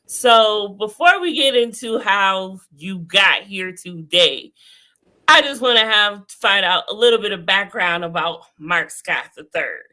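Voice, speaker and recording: A woman hosting a casual online interview, unhurried and quick to laugh. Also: medium pitch, expressive, sharp tone. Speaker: host.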